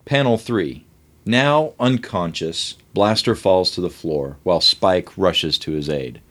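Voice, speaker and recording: A man hosting and narrating, reading the panel directions of a comic script aloud briskly. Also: low voice, fairly bright tone. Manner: brisk, reads panel directions, laughs between lines. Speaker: host and narrator.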